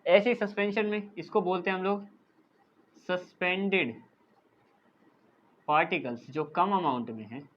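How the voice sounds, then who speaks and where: A male teacher explaining a science lesson, often checking in with "thik hai" and slowly dictating definitions as he writes them. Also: high voice, expressive, dull audio. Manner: dictates English definitions slowly while writing. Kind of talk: classroom lecture.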